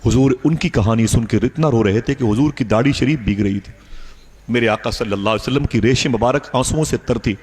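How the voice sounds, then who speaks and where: A man's voice: mid-range voice, a little mellow, slightly rough. A male preacher telling a story in an emotional sermon, addressing the women listening with passion. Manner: impassioned, addresses the women of the audience.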